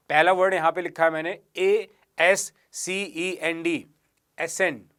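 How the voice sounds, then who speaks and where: A man teaching an exam-prep English vocabulary lesson, mixing Hindi and English, explaining slowly and spelling words out letter by letter. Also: a little high, fairly bright tone. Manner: mixes Hindi and English, addresses viewers as guys and friends.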